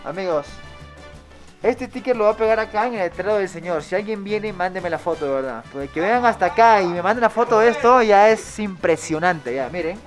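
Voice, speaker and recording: Hombre peruano hablando tras una mascarilla. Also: male voice, high voice, expressive, fairly quick, faint music behind. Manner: upbeat, chatty, promotional. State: talking through a face mask. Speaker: travel vlog host. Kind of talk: casual vlog sign-off to viewers. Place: outdoors beside a street.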